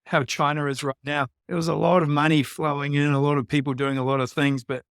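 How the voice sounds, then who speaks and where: A man's voice: a little high, level tone, a little fast, clear, resonant tone, no room sound, clean studio sound. A man with a New Zealand accent telling anecdotes casually as a podcast guest.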